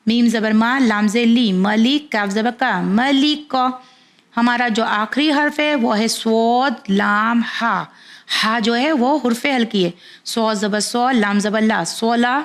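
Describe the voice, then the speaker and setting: A woman teaching Quran reading to parents, patiently sounding out syllables one by one. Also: on the high side. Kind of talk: slow spelled-out letter-by-letter instruction.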